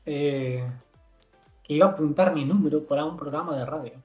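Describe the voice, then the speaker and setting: A young man from Galicia co-hosting a podcast, animated and jokey, gesturing as he talks. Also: a little high, a little fast. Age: young adult. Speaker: podcast co-host. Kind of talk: casual chat. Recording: roomy echo with faint music.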